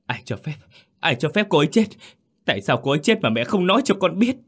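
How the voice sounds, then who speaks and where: A man's voice: low voice, normal speed. A man voicing a young man who is frantic and heartbroken, pleading and crying out in an audio story. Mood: anguished. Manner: pleading, rising to anguished shouts.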